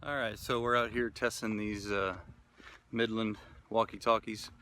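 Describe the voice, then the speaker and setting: A man's voice: fairly low pitch, level tone, measured pace, background noise. An American man from the Kansas City area giving a casual, rambling gear review and field test, full of fillers and restarts. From Kansas City area, USA. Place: outdoors in wooded hilly area.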